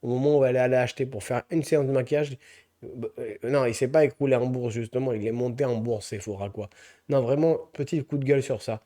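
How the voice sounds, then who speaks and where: A young man giving a comic rant to camera as a comedy vlogger, speaking in an animated, slangy, mocking way. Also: mid-range voice, quick pace.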